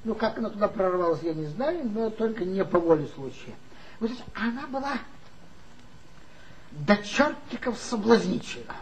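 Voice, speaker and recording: In a 1960s radio play, an actor with a high voice and lively intonation plays a tipsy former magazine worker gossiping mockingly about his old boss, confiding as he tells the story at a normal pace. The low-quality recording carries slight background noise.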